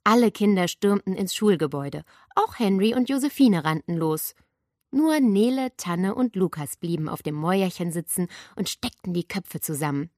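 A woman reading a children's book aloud with expressive storytelling. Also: lowish voice, normal speed, dry recording, studio quality. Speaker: audiobook reader.

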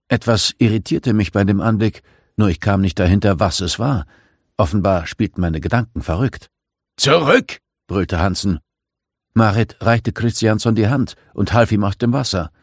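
A man reading a first-person story aloud as an audiobook narrator, dramatic and gripping, on a close studio microphone. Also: no echo. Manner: dramatic reading, raising pitch for shouted lines.

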